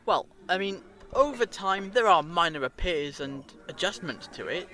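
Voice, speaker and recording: The Doctor, a man acting a bright, high-pitched time traveller. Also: animated, moderate pace, full character voice. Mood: light, chatty. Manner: theatrical, eloquent explaining. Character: the Doctor, clever, theatrical, reassuring male alien time traveller. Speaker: fan audio drama actor. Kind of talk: fan audio drama acting.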